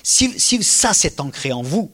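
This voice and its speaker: Male speaker, somewhat high-pitched, animated and informal, playing out voices while he tells stories to an audience. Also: measured pace, breathy edge. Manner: lively storytelling, acts out quoted dialogue; casual, slangy speech with repetitions. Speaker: lecturer. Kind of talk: public talk to an audience.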